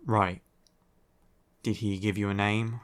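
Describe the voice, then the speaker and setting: In an ASMR audio roleplay, a man voices a grumpy, weary young vampire who is curt and sardonic, heaving heavy sighs. His voice sits on the low side, clear and resonant, with a level tone and slow pace. He sounds tired and impatient.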